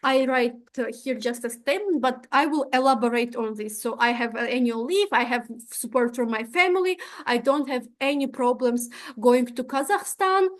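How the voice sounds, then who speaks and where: This instructional walkthrough of an exchange program application is given by a high-voiced young adult woman from Tajikistan whose first language is Russian. She keeps a moderate pace with hardly any pauses. She goes step by step, frequently saying "uh" and checking "right?"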